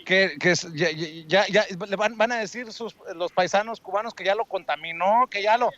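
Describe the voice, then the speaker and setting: Reportero mexicano amable de voz aguda. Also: male voice, high voice, moderate pace, a bit bright. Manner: friendly, joking, coaxing. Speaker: street reporter. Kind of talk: street interview. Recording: dull lo-fi dry sound.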